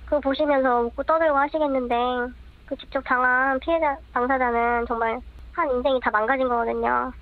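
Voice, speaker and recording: Woman with an electronically altered, higher voice. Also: fairly even intonation, brisk, narrow, tinny audio. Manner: short, hesitant answers. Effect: voice electronically altered for anonymity. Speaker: anonymous interviewee. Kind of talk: subdued interview answers.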